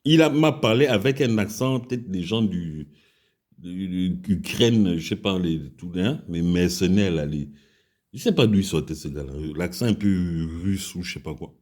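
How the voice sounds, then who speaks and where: A man from Gabon, working as a commentator, uses a Gabonese French accent to tell a crude, angry personal tale while attacking the country's leaders. His voice sits low and is a little mellow, with lively intonation at normal speed. He is heated and keeps repeating himself.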